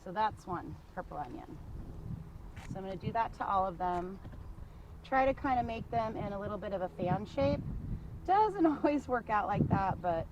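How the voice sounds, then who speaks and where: A woman's voice: medium pitch, big pitch swings, moderate pace, muffled recording, noisy background. A woman on a casual show-and-tell tour of her vegetable garden, chatty and enthusiastic, often laughing. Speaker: small farmer giving a garden tour.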